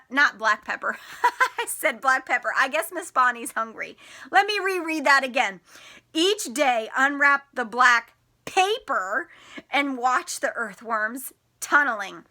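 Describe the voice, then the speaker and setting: A high-pitched, pushed and bright voice belongs to a woman teacher reading a picture book aloud to young kids. She puts expressive stress on key words, explains things simply, and asks them questions.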